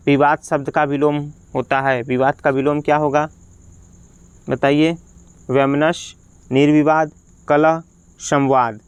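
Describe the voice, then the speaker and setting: Clear-voiced man teaching exam questions. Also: fairly high pitch, no echo. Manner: reads each question and its options, then gives the answer. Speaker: Hindi teacher. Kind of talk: exam practice lesson.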